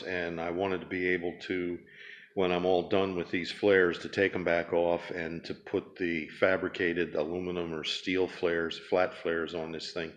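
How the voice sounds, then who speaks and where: Man, Pennsylvania accent, very low voice, monotone, halting casual narration, handheld camera in a garage. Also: lo-fi sound. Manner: rambling, halting, many ums and uhs. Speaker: DIY car restoration vlogger. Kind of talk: casual walk-around narration.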